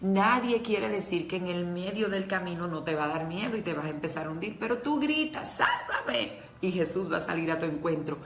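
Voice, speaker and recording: A woman's voice: fairly low pitch, fast talker, few pauses, reverberant, slight background noise. A woman preaching a devotional talk to women, earnest and emotional, speaking straight to her listeners.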